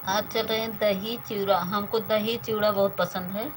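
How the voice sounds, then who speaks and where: A woman's voice: medium pitch, steady tone, normal speed, background noise. A woman in her thirties hosting a casual live stream, chatting with viewers and thanking them by name.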